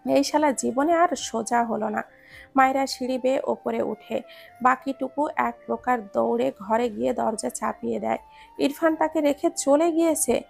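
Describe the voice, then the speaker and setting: Gravelly-voiced woman narrating a story. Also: a little high. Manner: steady storytelling. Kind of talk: scripted narration of a romance story.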